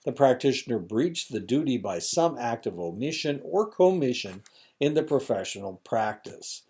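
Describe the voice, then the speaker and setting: A man's voice: medium pitch, big pitch swings, moderate pace, warm tone. A man giving a recorded lecture, reading points aloud with casual asides and fillers, his throat a little dry.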